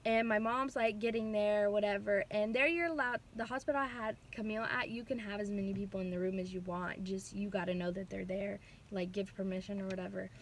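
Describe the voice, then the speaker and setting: A young woman vlogger casually retelling a personal story, chatty and animated, with lots of fillers. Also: medium pitch, fairly quick, a little hiss or hum.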